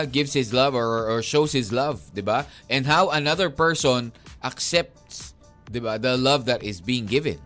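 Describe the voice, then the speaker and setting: A male radio DJ chats with his co-host in a teasing, animated way, mixing Tagalog and English. His slightly high voice rises and falls a lot. Faint music plays behind him in the studio. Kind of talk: casual radio banter.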